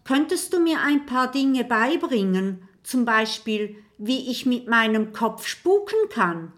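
A woman's voice: on the high side, big pitch swings, slow pace, voice pushed up. Woman voicing a jittery young boy ghost. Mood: nervous. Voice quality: stammering, hesitant. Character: timid young male ghost, nervous and stammering. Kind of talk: audiobook character voice.

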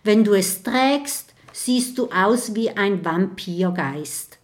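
A woman's voice: medium pitch, expressive, slow. A woman voicing a curious, clever little boy dragon who talks in a friendly, inquisitive way. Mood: lively.

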